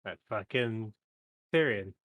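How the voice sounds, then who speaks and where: A man's voice: fairly low pitch, animated, slow, fairly bright tone. A man chatting casually as a player in a tabletop game.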